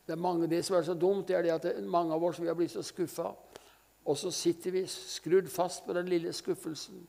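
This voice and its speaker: A man's voice: high voice, flat delivery, gravelly, dark tone. An older man preaching a sermon at a church meeting, telling stories fervently and breaking in with frequent hallelujahs. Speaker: evangelist preacher.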